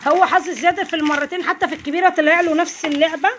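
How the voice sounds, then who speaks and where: Speaking at rapid-fire speed in an extremely high, slightly bright voice with a steady tone, an Egyptian-accented woman hosts a casual home unboxing, urging children on as they open snack bags among family. The handheld phone recording has a little hiss or hum.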